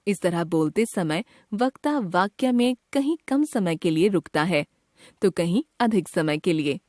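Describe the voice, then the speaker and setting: A woman narrates a children's grammar lesson in a clear, measured way. Her pitch moves a lot as she explains. The sound is dry and close. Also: lively intonation, darkish tone, no room sound. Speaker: grammar teacher.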